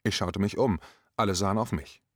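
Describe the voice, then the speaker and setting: Low-voiced man reading a commentary. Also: a little fast, dry recording, studio quality.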